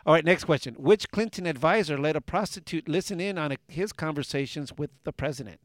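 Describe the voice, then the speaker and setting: A man's voice: a little high, fairly quick, no echo. Jokey, argumentative male talk show host in a garage. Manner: argumentative, jokey, talks over others. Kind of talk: lively political talk and quiz.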